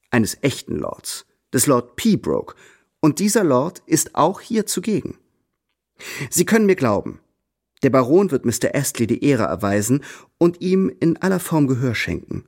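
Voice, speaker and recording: Radio drama: proud young tutor, composed and steady, middle voice. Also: male voice, medium pitch, vocal fry, full character voice. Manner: measured, cool and composed. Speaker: first-person narrator and protagonist.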